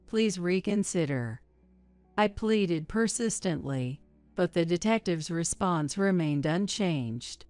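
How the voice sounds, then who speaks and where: A woman reading a first-person story as a measured, even scripted narration. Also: on the low side, no echo.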